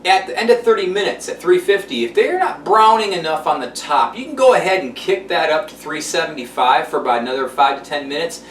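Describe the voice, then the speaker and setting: A man's voice: fairly high pitch, lively intonation, brisk, few pauses, a bit bright, distant mic, a little hiss or hum. A man hosting a cooking demonstration, chatty and folksy, full of enthusiasm, recorded in an echoey room away from the mic. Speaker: TV chef host.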